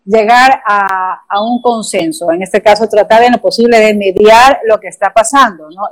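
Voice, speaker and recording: A woman's voice: mid-range voice, rough recording. A woman hosting a live streamed talk show, reading out viewers' greetings and steering the conversation between her guests.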